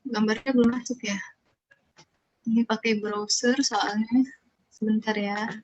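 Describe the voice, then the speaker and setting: A woman presenter talking casually and pausing often while she struggles to share her screen. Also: on the high side, steady tone, highs cut off.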